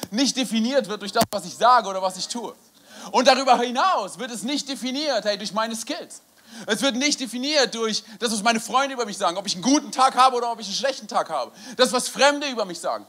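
A young adult man with a high voice preaches a lively, storytelling sermon. He is animated, laughs often and keeps dropping in "hey."

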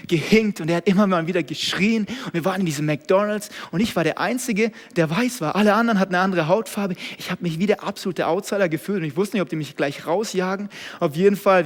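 Young German man, preacher, high voice, energetic sermon, sudden loud bursts and quiet asides, long hall reverb. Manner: energetic, swings from loud outbursts to hushed asides. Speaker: pastor.

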